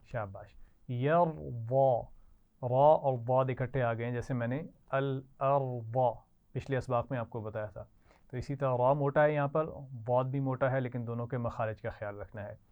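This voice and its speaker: A woman teaching Quran recitation to children, modelling each word slowly for the class to repeat. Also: extremely low pitch, steady tone. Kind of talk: slow call-and-response recitation lesson. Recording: tinny lo-fi online class audio.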